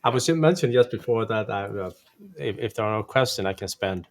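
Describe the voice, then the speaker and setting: A man's voice: fairly low pitch, lively intonation, brisk. A man giving a casual, informal technical explanation on a live stream. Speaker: tech presenter on a live stream. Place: live stream during a thunderstorm. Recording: clearly noisy live-stream connection.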